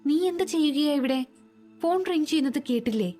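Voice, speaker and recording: A woman's voice: high voice, lively intonation, fairly quick, mellow, faint music behind, voice pushed up. A woman voicing an eager, urgent young male investigator in a storybook reading.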